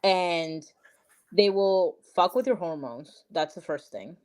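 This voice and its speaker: A woman's voice: lowish voice, expressive, slow, a little mellow. A young woman from Peru, talking as a podcast guest in a chatty, emphatic way, full of likes and literallys. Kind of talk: casual interview chat.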